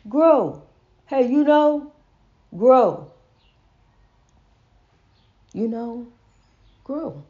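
A high-voiced woman with a dark tone hosts a casual, folksy inspirational preaching monologue. She stutters and says so, repeats herself, and calls the listener honey, all captured on a dull lo-fi recording.

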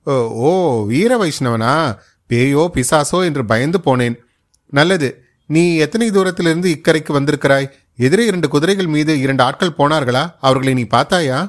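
A man's voice: on the high side, normal speed, pitched above the performer's own voice, natural voice. A man voicing a frantic young man, a physician's son, who talks in an agitated rush.

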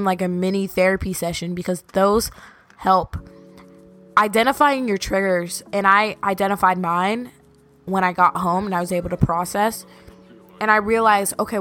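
A woman's voice: mid-range voice, fairly bright tone. A young woman telling personal stories casually as a podcast host, with a valley-girl way of talking full of "like". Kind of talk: casual personal storytelling monologue.

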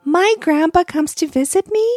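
A woman voicing an excited three-year-old girl in a storybook reading, high and eager. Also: moderate pace, no echo, faint music behind. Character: small excited little girl.

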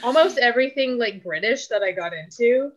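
A woman's voice: a little high, lively intonation, a little fast, slight background noise. A young woman from Canada, a podcast guest, talking casually and rambling with lots of fillers. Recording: dull lo-fi audio.

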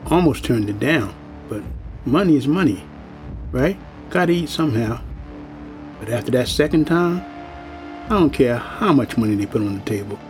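In an audio drama, an actor plays a world-weary old working-class man delivering an ominous warning in a folksy, plain-spoken way. His natural, medium-pitched voice has lively intonation at normal speed, with long pauses and faint music behind.

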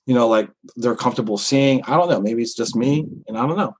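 A man with a slightly husky, breathy voice talks through his experiences in comedy. He rambles candidly, stacking up fillers and restarts as he thinks aloud. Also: medium pitch, fast talker, poor audio. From Philippines heritage. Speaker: comedian guest. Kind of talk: casual interview talk.

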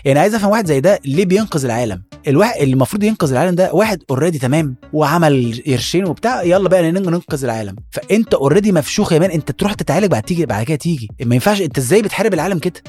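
A young Egyptian man with an Egyptian Arabic accent hosting a satirical podcast, talking fast and bluntly, crude jokes, acting out characters. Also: a little high, expressive, a little mellow, husky, soft background music. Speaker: podcast host. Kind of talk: satirical comedy monologue.

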